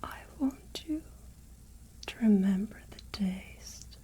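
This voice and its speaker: A woman playing a haughty, menacing, ageless vampire lady of a castle in a whispered ASMR roleplay, with deliberate, imperious delivery. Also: mid-range voice, expressive, mellow. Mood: menacing, condescending.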